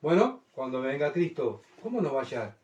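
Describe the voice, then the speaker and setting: A man's voice: medium pitch, sing-song, a little fast, a little mellow, reverberant, far from the mic. A man preaching a conversational sermon, often asking the congregation questions.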